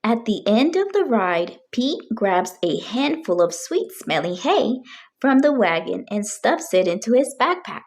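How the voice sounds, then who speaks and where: A woman reads a children's story out loud at an unhurried pace, her pitch bouncing lively as she phrases every sentence deliberately for a young audience.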